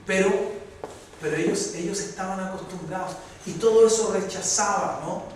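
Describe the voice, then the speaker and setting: A Chilean man preaching a sermon as pastor, his voice rising to loud, fervent peaks. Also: sits high, normal speed. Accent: Chilean Spanish. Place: church hall. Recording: echoey hall from far off, faint noise.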